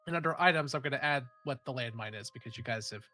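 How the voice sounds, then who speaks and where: Clean studio sound with no echo captures a man talking fast at a medium pitch. Stuffed up and nasal from a cold, he's game-mastering a tabletop session in a relaxed, meandering style packed with fillers and swearing.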